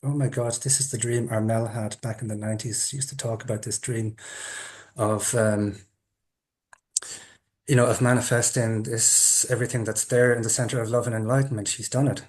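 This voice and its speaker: A man's voice: mid-range voice, level tone, fairly quick. A man hosting an interview, telling a personal story in a chatty way and laughing at himself now and then. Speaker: interviewer, group host. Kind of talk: storytelling introduction.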